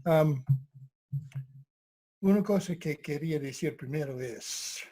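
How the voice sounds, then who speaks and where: An older man, an English speaker, reflects on karate in Spanish. He speaks very slowly and hesitantly, often pausing to find words. His voice sits fairly high and has a warm, mellow tone. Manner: hesitant, searching for words with many pauses. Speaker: karate instructor, guest. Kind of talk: reflective conversational talk.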